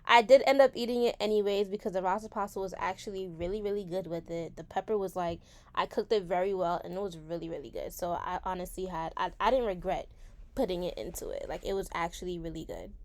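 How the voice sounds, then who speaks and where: A woman's voice: on the low side, quick pace. A young woman in her late teens from New York talks casually through a cooking recipe, chatty and speaking straight to her viewers while repeating words for emphasis. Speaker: home cook vlogger.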